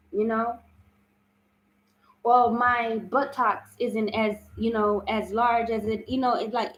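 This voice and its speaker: A spiritual self-love host speaks on a live-streamed motivational talk, her big, strong voice sitting on the high side with a fairly bright tone. She is earnest and keeps asking "you understand?" The recording is rough, with an echoey room.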